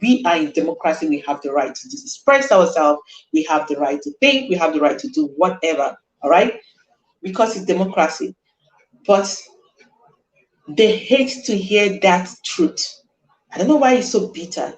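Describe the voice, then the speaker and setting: Earnest host in an echoey room. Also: female voice, fairly low pitch, animated, normal speed. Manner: earnest, emphatic, repeats herself. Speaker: live stream host. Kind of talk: casual chat.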